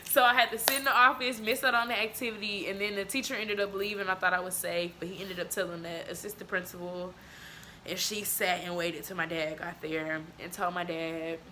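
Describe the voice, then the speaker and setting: Bright-voiced woman podcast co-host. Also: fairly low pitch, brisk, slight background noise. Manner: animated storytelling, laughs often. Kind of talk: casual chat.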